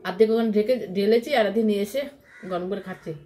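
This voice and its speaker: A woman's voice: medium pitch, steady tone, rapid-fire, warm tone, a little hiss or hum. A woman vlogger chatting casually to her followers from home, rambling and repeating herself, often mimicking how other people talk.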